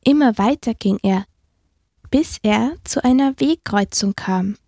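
A woman gently narrating a children's Christmas story in a slow, storytelling manner. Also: a little high, no room sound, clean studio sound.

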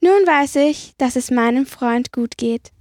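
Woman doing a fretful gentle donkey. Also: high-pitched, no room sound, studio quality. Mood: glad. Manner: fretful, slow and earnest. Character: worried gentle male donkey.

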